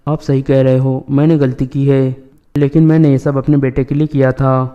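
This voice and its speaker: A man reading the lines of a remorseful, loyal male warrior in a flat, even voice. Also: medium pitch, clean tone, lo-fi sound, lightly acted.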